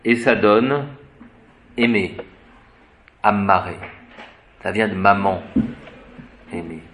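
A man giving an unscripted etymology lesson, spelling words out letter by letter and pausing to search for the right term. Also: on the low side, a bit bright, slight background noise. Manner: hesitant, searches for words with fillers. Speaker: etymology teacher.

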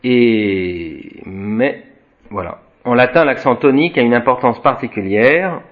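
A man teaching a Latin class, reading from a textbook and adding his own remarks, with many restarts and tags like "hein" and "voyez". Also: mid-range voice. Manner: slow explanatory, tags sentences with "hein" and "voyez", frequent restarts; spells out Latin words slowly, chanting declensions. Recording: dull lo-fi recording.

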